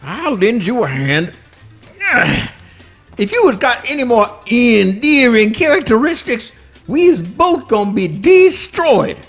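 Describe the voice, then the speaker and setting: Radio comedy possum: rustic speech, plaintive, gentle-tempered, extremely high pitch, lively swoops. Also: male voice, unhurried, faint music behind, full character voice. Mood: folksy, puzzled. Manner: folksy rustic dialect, plaintive. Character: good-natured, put-upon little male swamp possum. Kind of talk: live comic radio play reading.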